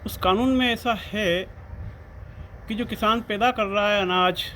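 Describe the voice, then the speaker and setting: Male guest, high pitch, emphatic and insistent, light background noise. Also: a little slow, pushed and bright. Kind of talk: political discussion.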